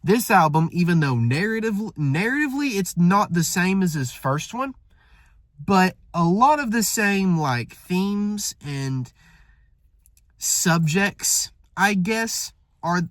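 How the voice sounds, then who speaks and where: A man whose voice is on the high side and a bit bright gives an offhand spoken album review, meandering and often correcting himself as he goes. He's a music reviewer, congested and nasal from a cold that's starting. The sound is clean studio audio with no room sound.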